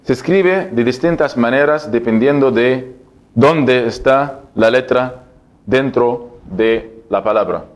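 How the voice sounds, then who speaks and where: A man with a mid-range voice gives a language lesson at an unhurried, measured pace. He poses a question and then answers it himself. He repeats each syllable several times so the learner can copy it. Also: mid-range voice. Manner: explains step by step, asking and answering his own questions. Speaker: Arabic teacher.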